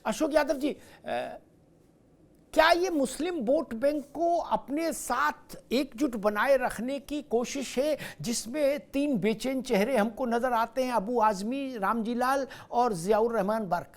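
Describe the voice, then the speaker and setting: High-voiced man anchoring a debate. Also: slow pace. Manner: pointed, sarcastic questioning. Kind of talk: TV debate moderating.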